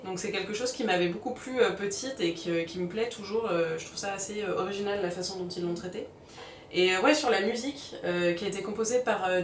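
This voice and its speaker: A woman's voice: mid-range voice, a little hiss or hum. A woman hosting a film review vlog, speaking in a conversational, explanatory style. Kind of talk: film review, part scripted narration, part casual chat. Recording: roomy, distant mic, faint music.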